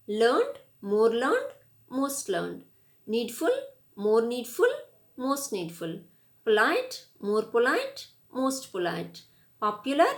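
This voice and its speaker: A woman with an Indian English accent giving a grammar lesson, spelling words out letter by letter and reading word lists. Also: a little high. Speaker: English teacher. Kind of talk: classroom grammar lecture.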